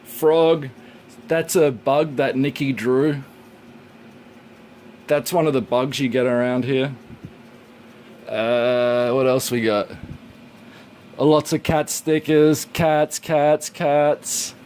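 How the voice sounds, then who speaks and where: A man's voice: medium pitch, steady tone, takes it slowly, long pauses, darkish tone, slight background noise, rough recording. A man from Hong Kong who grew up in Australia, chatting casually and rambling as he cooks and answers viewer questions in a home kitchen. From Hong Kong, raised in Australia. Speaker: live streamer. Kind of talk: casual chat while cooking. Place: home kitchen by a hot stove.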